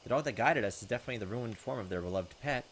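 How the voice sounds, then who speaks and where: Racing through a visual novel, this young man reads the in-game lines dramatically and chimes in with offhand remarks, his mid-range voice expressive and a bit bright. Game music sits behind his voice alongside slight background noise.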